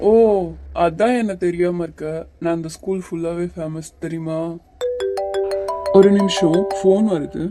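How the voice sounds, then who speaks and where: A woman voicing a calm, teasing young male hero in a cartoon series. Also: fairly low pitch, unhurried, faint music behind, lightly acted. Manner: teasing, patient, a little bossy. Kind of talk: Tamil cartoon series voice acting.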